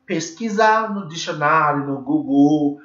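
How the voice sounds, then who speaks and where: A man teaches informally in Portuguese with the foreign accent of a native English speaker. His voice sits a little high and he takes his time, repeating points emphatically and checking in often. The sound is slightly dull, recorded in an echoey room. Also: slow pace, fairly bright tone.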